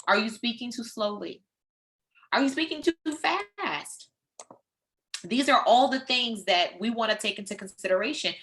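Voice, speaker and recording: A woman leading a training session, lecturing in a lively, conversational way with frank personal asides. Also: medium pitch.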